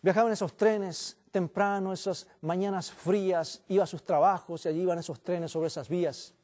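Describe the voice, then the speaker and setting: A man's voice: high-pitched, fairly even intonation, moderate pace, a little mellow. A man preaching an earnest sermon as pastor in a church, addressing the congregation as brothers.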